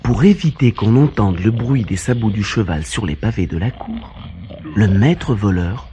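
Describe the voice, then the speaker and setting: A man's voice: fairly low pitch, expressive, moderate pace, warm tone, a little hiss or hum. A man narrating a scripted storybook tale in French as the narrator.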